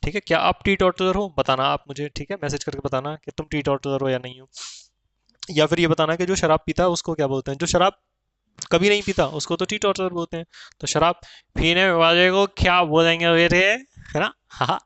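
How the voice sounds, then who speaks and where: A man teaching exam vocabulary, calling viewers "beta" and checking in with rhetorical questions while reading English terms out slowly. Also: on the high side, fairly bright tone, smooth, dry recording.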